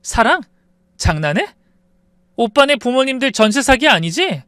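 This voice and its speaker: Story narration: furious young wife, played by a man, icy then shouting, high, lively pitch, dry close sound. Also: a little slow, no echo, full character voice. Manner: cold and cutting, rising to shouts. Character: furious young wife confronting deceitful in-laws.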